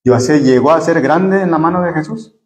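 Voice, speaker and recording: A man preaching at a church Bible study, pitched somewhat high for a man. He talks earnestly and often turns to his listeners as brothers. He tends to repeat words while he looks for the right phrasing. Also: brisk, darkish tone. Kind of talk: Spanish-language church Bible study sermon.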